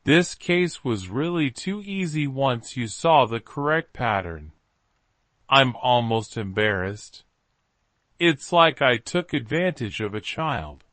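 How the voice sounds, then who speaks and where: Man reading as thoughtful detective, slow fireside storytelling. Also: medium pitch, animated, a bit bright, no echo. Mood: pleased, embarrassed. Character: thoughtful, self-assured male detective, gently amused. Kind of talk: story dialogue read by narrator.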